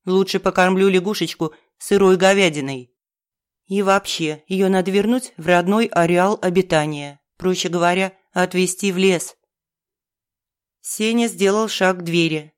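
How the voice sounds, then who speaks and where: A woman reads a first-person audiobook in a fairly low voice. Her telling is wry and brisk. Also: smooth. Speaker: audiobook narrator.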